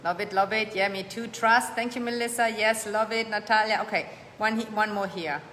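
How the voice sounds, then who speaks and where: Bright, echoey motivational woman host. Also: mid-range voice, steady tone, moderate pace, a little hiss or hum. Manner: warm, emphatic, repeats phrases for emphasis; reads viewer comments aloud and answers them. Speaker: host of a live coaching show. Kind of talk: motivational live-stream coaching. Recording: echoey room with long reverb, faint ambience.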